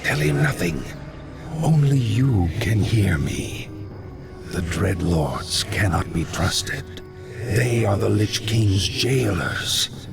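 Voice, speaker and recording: An actor playing a sinister ghost of a dead necromancer in a fantasy video game, speaking telepathically in a breathy, ghostly whisper. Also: male voice, low-pitched, slow. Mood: sinister, secretive. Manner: whispered telepathic voice heard inside the mind. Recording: dramatic music behind the voice.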